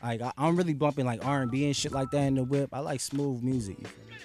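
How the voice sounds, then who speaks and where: A young man talks about his music in a relaxed, slangy way, leaning on fillers. His pitch sits at a middling level for a man. Faint music plays behind him. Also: fast. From Los Angeles, US. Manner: laid-back, heavy fillers, slangy. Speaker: rapper guest. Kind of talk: casual interview chat.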